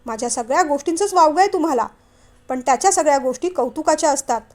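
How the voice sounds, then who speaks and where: A woman's voice: sits high, expressive, fast, dark tone. A woman voicing a resentful young married man who feels his family favors his brother, speaking in an accusing, sulky way. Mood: bitter.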